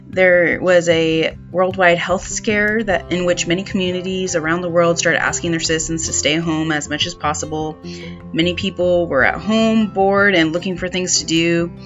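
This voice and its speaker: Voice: medium pitch, fairly even intonation, moderate pace, fairly bright tone. An advice vlogger narrating scripted self-help tips in a tidy, orderly way. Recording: slightly dull sound, music behind.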